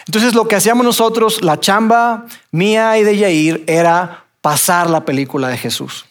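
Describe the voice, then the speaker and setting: A man's voice: sits high, moderate pace. A man from Mexico with a Mexican accent, telling a personal testimony with acted-out dialogue and many fillers.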